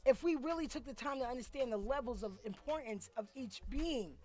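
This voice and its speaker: A woman's voice: high-pitched, expressive, darkish tone. Earnest woman leaving a voice note. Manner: earnest, halting, speaks with conviction. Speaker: caller. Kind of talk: voice note to a talk show. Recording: music playing underneath.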